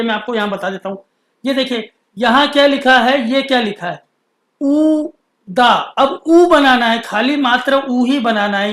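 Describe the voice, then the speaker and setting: A man teaching Urdu script, patiently explaining and stretching out letter sounds slowly. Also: very high-pitched, a bit bright, echoey room. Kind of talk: explaining a lesson.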